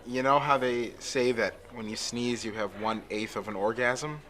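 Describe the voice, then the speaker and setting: A man's voice: mid-range voice, moderate pace, sharp tone, a faint crowd, natural voice, poor audio. An actor playing an awkward young man on a blind date who has huge, squealing sneeze fits. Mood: confessional. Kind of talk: comedy sketch acting.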